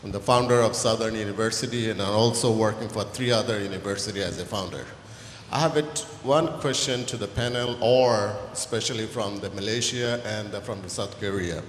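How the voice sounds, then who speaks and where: A man's voice: fairly low pitch, brisk. A man, a university founder, earnestly pressing a panel with a question at a conference. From Bangladesh. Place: large conference hall. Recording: echoey hall with long reverb, faint room noise.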